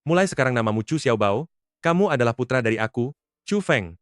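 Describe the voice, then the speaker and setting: An actor in his twenties playing a wealthy young CEO, brisk and persuasive. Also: medium pitch, animated, no echo, studio quality, lightly acted. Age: 20s. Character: young rich CEO, brisk and self-assured. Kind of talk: dubbed drama acting.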